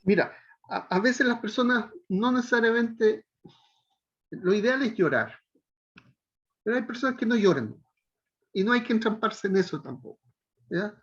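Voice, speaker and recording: A middle-aged man teaching a pastoral counseling class, gently coaxing a student and checking in often. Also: high voice, lively intonation, normal speed, pauses often, highs cut off.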